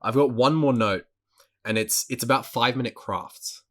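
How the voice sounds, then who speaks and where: A man's voice: mid-range voice, moderate pace. Male podcast co-host, casual and profane, laughs a lot, stumbles over repeated words. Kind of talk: casual chat.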